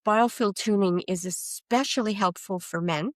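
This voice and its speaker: Middle-aged woman guest, chatty and animated, acts out the voices of people in her stories, dry close sound. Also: medium pitch, moderate pace, dry recording. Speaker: energy coach guest. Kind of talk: casual podcast interview.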